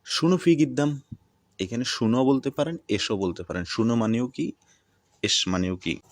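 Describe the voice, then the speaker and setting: A man with a fairly low voice teaches a video language lesson. He says each phrase more than once, slowly, and slips English words into his explanations. The recording is dry and close, with no room sound. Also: lively intonation, dry recording.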